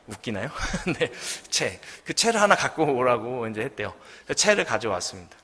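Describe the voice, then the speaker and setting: A man's voice: medium pitch, sing-song, a little slow, bright, forceful tone, breathy edge. A man in his thirties, a junior pastor preaching a sermon, telling a story and asking the congregation questions. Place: church sanctuary. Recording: long church hall reverb.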